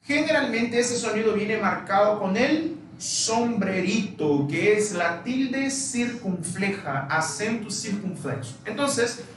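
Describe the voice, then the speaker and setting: Teacher, slow and echoey. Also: male voice, high-pitched, animated, a bit bright, far from the mic, slight background noise. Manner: patient, repeats each example word slowly. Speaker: Portuguese teacher. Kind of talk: live online language lesson.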